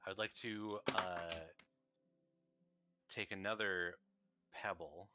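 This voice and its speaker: A man playing a character in a tabletop game, halting and hesitant as he decides what to do. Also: deep voice, fairly even intonation, heavy background noise. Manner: hesitant, full of fillers. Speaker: player.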